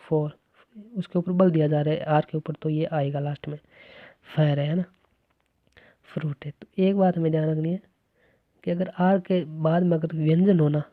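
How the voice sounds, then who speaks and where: Lesson teacher, methodical explainer, flat delivery, thin phone-quality sound. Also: mid-range voice, no echo. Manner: explains step by step with repeated "है ना" checks. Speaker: English teacher. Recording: dry, tinny phone-like recording.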